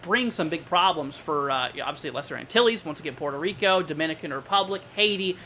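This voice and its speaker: A man's voice: fairly high pitch, animated, fast talker, bright, forceful tone, slight background noise. A man hosting a live weather forecast, talking informally and conversationally as he thinks aloud. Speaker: weather livestream host.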